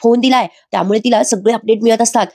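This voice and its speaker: A woman's voice: on the high side, steady tone, fast talker. A woman reading out a scheming young woman pleading from jail. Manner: pleading, hushed and insistent.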